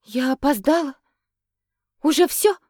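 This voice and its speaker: A tearful young woman pleads in a high, strained voice, anxious and close to crying, as a woman narrator puts her on. The pitch climbs well above the reader's own, and the sound is dry and close. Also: big pitch swings, a little slow, no room sound. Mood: desperate. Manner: high, pleading, near tears.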